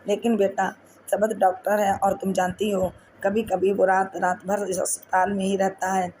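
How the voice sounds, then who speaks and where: A fond, gentle older mother-in-law from a read-aloud romance novel, voiced by a woman narrator. She speaks in a level, unvaried tone, with faint background noise. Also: medium pitch, little pitch movement, natural voice, low-quality recording. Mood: doting.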